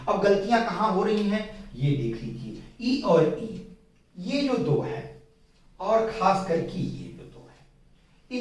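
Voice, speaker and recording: A man teaching a Hindi spelling lesson, explaining slowly and repeating his key points with patience. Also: on the high side, a little mellow. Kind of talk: whiteboard grammar lesson. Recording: very echoey room, mic at a distance.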